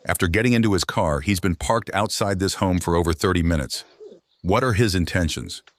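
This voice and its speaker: A man's voice: low-pitched, a little fast, slight background noise. A man reading scripted narration for caught-on-camera clips, recorded as a close voice-over. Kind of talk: scripted true-crime clip narration. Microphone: close dry voice-over mic.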